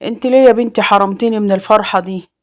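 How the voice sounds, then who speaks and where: A woman's voice: medium pitch, steady tone, very fast, natural voice. A woman voicing an older village mother-in-law who sighs and hints with regret, with an Egyptian accent. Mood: bitter. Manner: sighing, full of regret, cutting hints.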